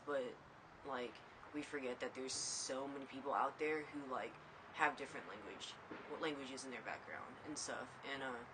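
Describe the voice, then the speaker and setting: A young man whose first language is Mandarin Chinese, answering casually with frequent fillers and pauses. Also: medium pitch, noisy background. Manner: relaxed, hesitant, frequent fillers. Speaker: interviewee. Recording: clear background ambience.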